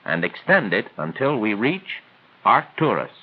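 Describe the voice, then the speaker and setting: With a lowish voice and big pitch swings, a man reads formal, didactic instructional narration from a script, phrased in a measured way like a 1940s training film. It has phone-quality sound, the thin, band-limited character of a 1940s film soundtrack.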